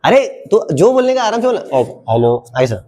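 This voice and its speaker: A man's voice: high voice, very animated, fairly quick, dark tone. Coaxing man teaching a class. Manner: coaxing, asks the class the same question again and again. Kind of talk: classroom lesson to children. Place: classroom with a projector.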